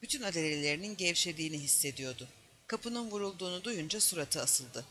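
Bright, high-voiced man reading a novel. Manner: steady, measured reading, lightly voicing dialogue. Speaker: audiobook reader. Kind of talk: scripted narration of a novel.

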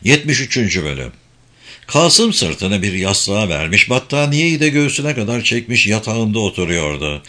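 A man reading a novel as an audiobook narrator, steady and measured. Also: on the low side. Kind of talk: scripted narration.

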